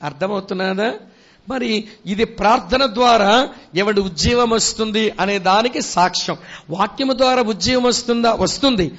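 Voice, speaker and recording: A man's voice: sits high, normal speed, fairly bright tone, lo-fi sound. A man preaching a sermon at a retreat with a Telugu accent, reading scripture aloud and asking the audience questions. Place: retreat meeting hall.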